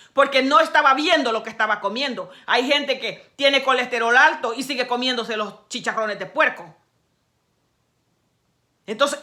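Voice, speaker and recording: A woman preaching with a bright, rather high voice. She addresses the listener directly and emphatically. Her delivery swings between hushed, low stretches and loud, insistent peaks. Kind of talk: sermon.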